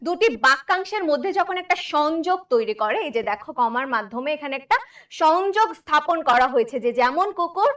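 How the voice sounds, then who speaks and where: A woman's voice: high-pitched, animated, fairly quick, fairly bright tone, distant mic. A young woman from Bangladesh teaching a live online class, repeating key words and quizzing her students as she works through exam questions. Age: young adult. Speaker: Bangla tutor for university admission.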